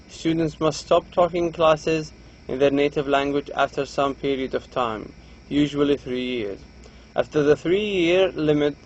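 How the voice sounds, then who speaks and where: In a recording with the highs cut off, a Saudi university English lecturer, whose first language is Arabic and who has a Saudi Arabic accent, reads from a textbook to his students. His voice is fairly high, and he explains the material with frequent restarts.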